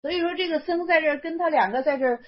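A woman's voice: sits high, rapid-fire. A woman giving a Buddhist dharma talk, explaining a Chan text in casual speech and often repeating and restarting phrases. The recording sounds dull and lo-fi.

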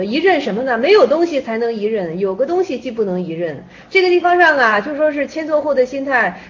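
Lady teacher going over a zen story, lots of pauses and repeats, high voice, kinda muffled audio. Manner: relaxed, repetitive explaining with frequent pauses. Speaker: Buddhist teacher. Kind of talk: explaining a Zen text. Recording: dull lo-fi recording.

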